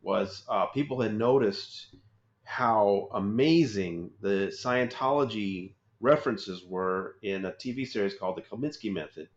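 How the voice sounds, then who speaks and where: A man's voice: lowish voice, measured pace. A man hosting a podcast in casual interview chat, conversational and steering the questions. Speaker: podcast host. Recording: roomy, dull lo-fi sound.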